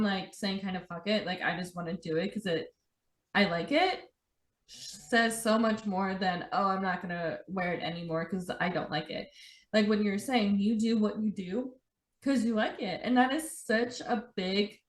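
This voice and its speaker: A young woman hosts a podcast conversation in a chatty, relaxed way, peppering her sentences with "like." Her voice sits at a middle pitch. The room gives it a noticeable echo. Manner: chatty, says "like" often. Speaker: podcast host. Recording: roomy echo.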